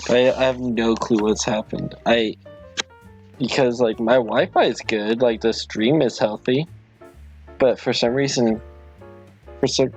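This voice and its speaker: A man hosting a livestream, chatting casually with viewers in a halting, apologetic, rambling way. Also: mid-range voice, steady tone, soft background music. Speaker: livestream host.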